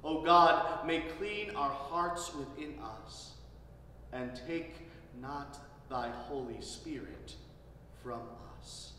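Male pastor, slightly high voice, very slow and solemn, in a cathedral echo with a faint hum of room noise. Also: lively intonation. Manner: measured, solemn, phrases fading softly at ends. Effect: cathedral-like echo, long church reverb. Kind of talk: Ash Wednesday sermon and liturgy. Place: large church. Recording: distant mic in echoey church hall.

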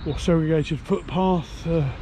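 A man talks casually in a matter-of-fact way, pausing on fillers, with a fairly high voice. He is recorded outdoors on an action camera, with clear wind and traffic noise behind him. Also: fairly even intonation. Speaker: cycle route assessor. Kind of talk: casual narration while cycling. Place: outdoors on roads and paths.

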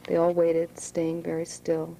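A woman author reading her own novel aloud to students in a high school room, with plain asides. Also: monotone, unhurried, vocal fry, dark tone, a little hiss or hum, low-quality recording.

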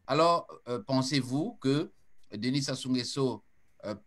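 A man hosting a radio talk show, interviewing a guest over a video call in a measured, hesitant way. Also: medium pitch, fairly bright tone. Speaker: radio host.

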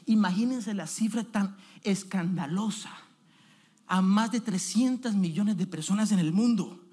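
A man's voice: high voice, a little slow, a little mellow, slightly rough. Emphatic male evangelist preaching. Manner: emphatic, addresses the congregation directly with questions. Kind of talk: sermon. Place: church, before a congregation.

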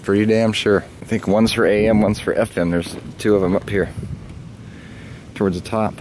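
Outdoors at an open car trunk, a southern American man works on his vehicle and rambles aloud in a casual, slightly profane way for his car vlog. His voice sits on the low side, steady and darkish, at a moderate pace. The handheld phone or camera recording is noisy, with clicks and clunks.

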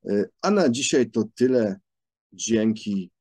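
A man talking through a book review in a thoughtful, halting way, pausing often with drawn-out hesitation sounds. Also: on the low side, lively intonation, darkish tone, husky, no echo.

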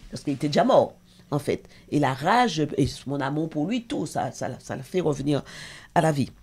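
A woman's voice: deep voice, lively intonation, moderate pace, a little mellow, breathy edge. Middle-aged woman telling an intense story. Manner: intense, emotional storytelling with hesitations. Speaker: talk show guest, association president. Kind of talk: personal testimony on a talk show.

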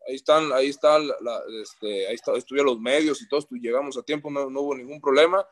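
A man's voice: medium pitch, quick pace. A man, a professional boxer in a post-fight interview, boasting and trash-talking his rivals.

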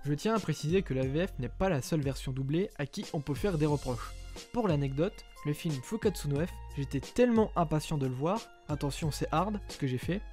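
A man's voice: on the high side, warm tone. A young adult man talking casually and in slang to his viewers in an opinion vlog. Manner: slangy, conversational, addresses viewers directly. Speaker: anime YouTuber. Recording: faint background music.

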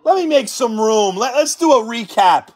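A man hosting a card-break stream, calmly calling out cards and then shouting in hyped excitement at the big hits. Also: very high-pitched, moderate pace. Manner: hyped, shouting exclamations between calm card callouts.

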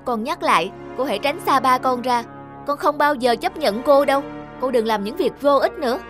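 A woman's voice: high-pitched, lively intonation, moderate pace, voice pushed up. A woman voicing a stubborn, jealous young daughter who pleads with her father and snaps at the woman he might marry, with music behind. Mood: defiant. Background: background music.

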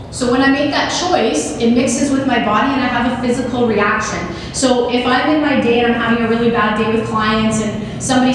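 An energetic woman in her forties delivers a motivational keynote from a podium, her voice pitched a bit high. She keeps asking the crowd questions. The sound is very echoey with a long hall reverb and clear background hiss. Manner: energetic, asks the audience questions, gestures a lot. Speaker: keynote speaker. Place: large banquet hall with audience. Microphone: podium microphone on a stand. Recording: echoey hall recorded from a distance.

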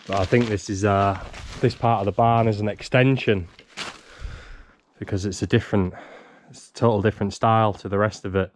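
Slow, low-voiced man vlogging. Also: a little mellow, slight background noise. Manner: chatty, wry, talks to himself while working. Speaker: homesteader vlogger. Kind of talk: casual self-filmed commentary. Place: inside a half-demolished wooden barn. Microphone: handheld action camera.

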